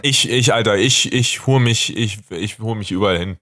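A man's voice: fairly low pitch, moderate pace, a bit bright. A young man co-hosting a casual podcast chat, rambling with stammered restarts and slang. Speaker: podcast co-host.

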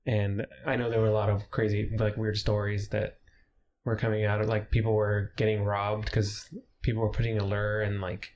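A man's voice: fairly low pitch, little pitch movement, normal speed, darkish tone, slight background noise. A man hosting a casual podcast chat, laid-back and swearing casually, laughing often. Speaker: podcast host.

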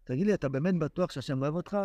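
A man voicing a sly serpent who needles the listener with rapid questions meant to sow doubt. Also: a little high, dark tone, no room sound, natural voice. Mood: needling. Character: insinuating serpent sowing doubt, sly and probing.

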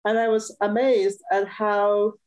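A woman's voice: mid-range voice, flat delivery, unhurried, darkish tone, poor audio. Cheerful woman from Cameroon. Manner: cheerful, laughs often. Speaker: musician guest. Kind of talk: casual interview chat.

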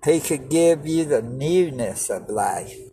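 A man's voice: mid-range voice, expressive, takes it slowly, mellow. A man preaching like a doomsday street preacher, exhorting in a folksy, plain-spoken way. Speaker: lay street-style preacher. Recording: distant mic with noticeable background noise.

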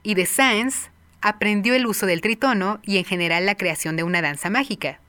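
A woman presenting a music appreciation lesson, explaining film music clearly and addressing her viewers directly. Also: medium pitch, moderate pace. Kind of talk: scripted educational narration.

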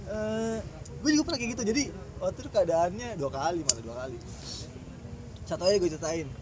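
A man's voice: high voice, a little fast. A young man with a Jakarta accent telling a slangy street story in casual chat, acting out the people he quotes. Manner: slangy, animated storytelling that acts out quoted exchanges.

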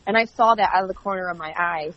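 A woman being interviewed as a wrestling commentator, telling stories in a chatty, animated way and acting out quoted dialogue. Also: lowish voice, fast talker, no room sound. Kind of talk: casual interview. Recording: dull lo-fi audio.

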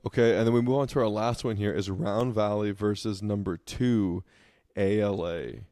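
A man with a fairly low voice co-hosts a sports podcast, breaking down matchups in an easygoing, chatty way with plenty of fillers. The sound is dry and close, with no room echo. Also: fairly even intonation, normal speed, warm tone. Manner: laid-back, filler-heavy analysis. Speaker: podcast co-host. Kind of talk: casual sports podcast chat.

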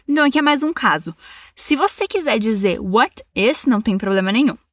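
A Brazilian woman teaching English, saying model phrases slowly for learners to repeat and cheering them on with patience. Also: a little high, lively intonation, dry recording, clean studio sound. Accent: Brazilian Portuguese. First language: Portuguese. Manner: encouraging and patient. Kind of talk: bilingual English lesson with repetition drills.

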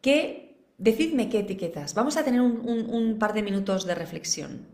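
A woman's voice: medium pitch, expressive, moderate pace, darkish tone. Woman with in an echoey room. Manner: asks the audience many rhetorical questions. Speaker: parenting educator. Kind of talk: live online masterclass. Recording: roomy echo.

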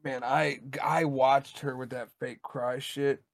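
A man's voice: mid-range voice, flat delivery, slow pace, gravelly, dry recording. A man co-hosting a podcast, ranting bluntly and swearing in casual chat. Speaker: podcast co-host.

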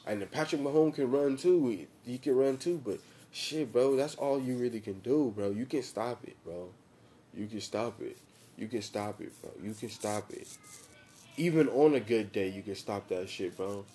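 A young American man with a soft-edged, mellow tone chats casually like a frat bro. His talk is heavy with slang and swearing, and he hammers his points home by repeating them. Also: mid-range voice, moderate pace. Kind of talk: casual chat about football tactics.

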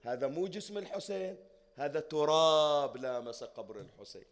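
A man preaching a mourning sermon in a mourning hall. He swells from plain talk into shouted, drawn-out chanting. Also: a little high.

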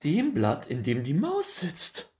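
A man voicing an anxious, excitable little squirrel in a children's storybook, shrill and loud. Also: slow pace, exaggerated voice. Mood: frantic. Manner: shrill, frantic, loud exclaiming. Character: anxious excitable squirrel, male, small, frets.

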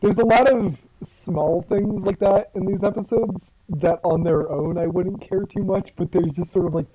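A man's voice: high-pitched, fairly even intonation, moderate pace. A man co-hosting a casual podcast, asking questions and sounding mildly exasperated. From United States. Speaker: podcast co-host. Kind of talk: casual chat. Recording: dull, muffled sound.

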